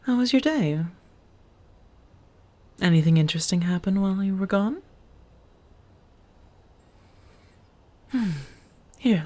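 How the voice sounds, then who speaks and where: A woman plays an affectionate vampire roommate in an ASMR roleplay, speaking intimately to one listener in a low, husky voice with soft breath around her words. Chipper in mood, she teases gently and looks after them, drawing out her phrases with soft chuckles.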